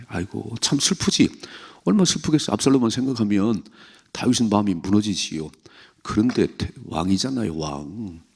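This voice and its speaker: A man's voice: on the low side, gravelly, darkish tone, husky. A man preaching a sermon at an early morning church prayer service, talking conversationally and putting questions to the congregation. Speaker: pastor.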